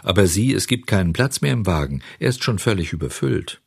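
A man voicing a fat, sweet-talking little coachman who speaks in a soft, flattering, coaxing way. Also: deep voice, brisk, gravelly, breathy edge, no echo, studio quality, exaggerated voice.

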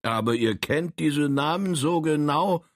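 A man's voice: a little high, a little slow, dry recording, studio quality, pitched above the performer's own voice. A man voicing a friendly, earnest middle-aged Saxon forester who talks in a chatty way.

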